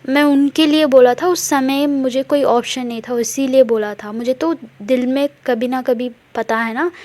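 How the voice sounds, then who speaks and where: A woman's voice: fairly high pitch, a little mellow, lightly acted. A woman voicing a remorseful young wife who pleads with her partner for forgiveness, mixing English words into her talk, in a casual storytelling style. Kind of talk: casual retelling of a love story.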